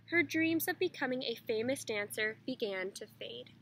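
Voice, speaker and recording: High-voiced woman reading a storybook. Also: expressive, moderate pace, vocal fry, fairly bright tone, a little hiss or hum. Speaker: teacher reading aloud. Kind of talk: reading a children's picture book aloud.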